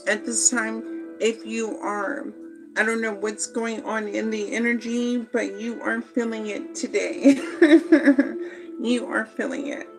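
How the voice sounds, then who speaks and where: Woman, tarot reader, gravelly voice, unhurried and rambling, music behind. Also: mid-range voice, poor audio. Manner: slow, meandering, many fillers. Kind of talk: spoken tarot reading.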